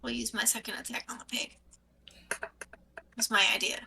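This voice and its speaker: A woman with a very bright, fairly high voice plays a tabletop game and calls out her rolls in a playful way. A faint hum of noise sits behind her. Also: little pitch movement, normal speed, creaky. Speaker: player. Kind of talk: casual tabletop play.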